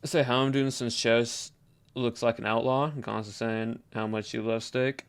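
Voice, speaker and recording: Chatting with viewers during a livestream, a man adopts a put-on American Southern accent and muses in a loose drawl. His medium-pitched voice is clear and resonant, with little pitch movement and a moderate pace. The recording is dry.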